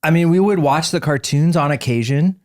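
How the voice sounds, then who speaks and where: A man's voice: on the high side, normal speed, darkish tone, no echo, studio quality. A man in his forties, co-hosting a podcast in casual chat and rambling through fillers and restarts. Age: 40s. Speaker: podcast co-host.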